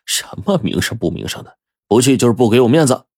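A man's voice: medium pitch, very animated, fast talker, gravelly, a little mellow, husky, no room sound, clean studio sound, full character voice. A man voicing a middle-aged male factory director who talks in a coaxing, insistent way.

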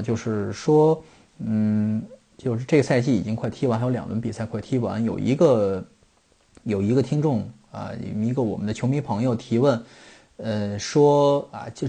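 A middle-aged man from China talks through football topics in a loose, rambling monologue as a podcast host. His voice is low and mellow with a gravelly fry. It has a slightly husky edge, and he often pauses on "uh" before restarting a thought. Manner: rambling, full of "uh" fillers and restarts. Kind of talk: casual explanatory monologue.

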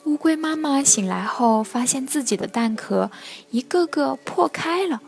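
Woman storyteller, bedtime narration, fairly high voice, soft and expressive, faint music behind. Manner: soft, expressive, often hushed. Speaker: children's storyteller.

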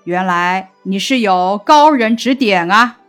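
A woman reading the lines of an ancient king who is sheepish but generous, speaking fairly quickly. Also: medium pitch, expressive, fairly bright tone, soft background music.

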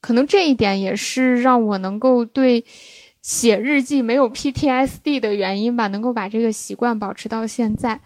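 Brief: young woman co-host, thoughtful and calm, slightly higher voice, dry studio sound. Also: normal speed, dry recording. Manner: calm, reflective, analyzing. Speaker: podcast co-host. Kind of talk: casual chat.

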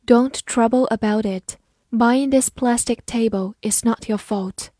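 Lady teacher going thru vocab words real slow, soft mellow tone, dry close mic. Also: on the high side, no room sound. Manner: reads each word twice then gives part of speech and meanings. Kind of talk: slow vocabulary review lesson.

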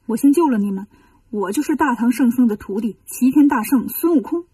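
Here is a bragging monkey king from a storybook told aloud, voiced by a woman. His voice is warm and breathy, with a playful, teasing confidence. It sits slightly higher than average and sounds a little distant from the microphone. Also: animated, fairly quick, no room sound. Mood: teasing, confident. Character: cheeky boastful male monkey king hero.

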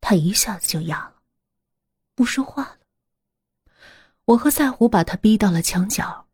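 Female horror storyteller, hushed and breathy, lively pitch swings, close and dry. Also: no room sound. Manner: hushed, breathy, often whispering.

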